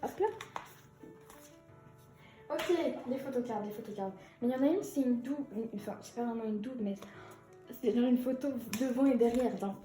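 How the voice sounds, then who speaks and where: A giggly young woman talks through an album unboxing in a casual, excited vlog voice. Her voice sits on the high side with a mellow, soft tone. The room is echoey and faint music plays behind her. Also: fairly quick, pauses often.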